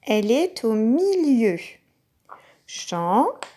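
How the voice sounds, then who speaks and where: A woman teacher giving a recorded lesson to young children, speaking patiently and sounding out each syllable clearly. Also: on the high side, lively intonation, takes it slowly. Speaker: kindergarten teacher.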